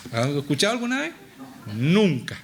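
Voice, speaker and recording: Man, Chilean accent, pastor, sermon, emphatic, rhetorical questions, animated pitch. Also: normal speed. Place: church.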